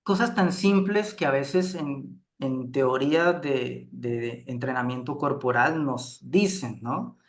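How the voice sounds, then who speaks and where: Unhurried man teaching a class. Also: mid-range voice. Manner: unhurried, checks in with frequent "¿sí?". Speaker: group facilitation instructor. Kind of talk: relaxed lecture to a class.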